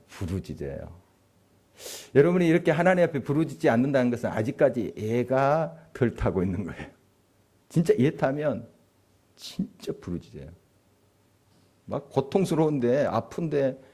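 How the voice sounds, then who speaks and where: A man's voice: fairly low pitch, gravelly, mellow, breathy edge. A male pastor giving a conversational sermon, asking the congregation questions and chuckling as he speaks. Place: church sanctuary.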